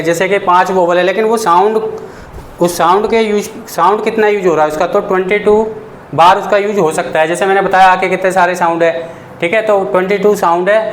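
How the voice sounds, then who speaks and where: A man teaching a basic English lesson to students. He talks patiently, repeats his points and asks the class questions. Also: sits high. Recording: echoey room with faint noise.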